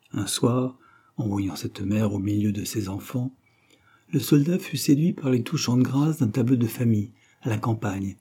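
A male audiobook narrator with a measured, literary delivery. His voice is low and very dark. It has a husky texture.

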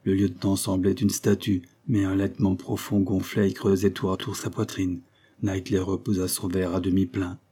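A man narrates a story in a measured, even manner. His voice is low and husky, with a dark, mellow tone. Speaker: audiobook narrator. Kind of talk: scripted narration.

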